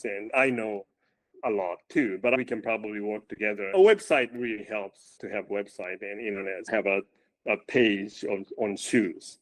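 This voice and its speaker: A running coach in a casual interview speaks loudly in a low voice, halting as he goes and repeating words whenever he starts a sentence.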